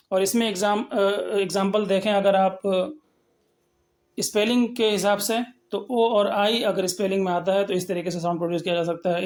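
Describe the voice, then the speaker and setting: A man teaching English pronunciation, explaining step by step and slowly sounding out example words. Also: high-pitched. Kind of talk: lecture on phonetics.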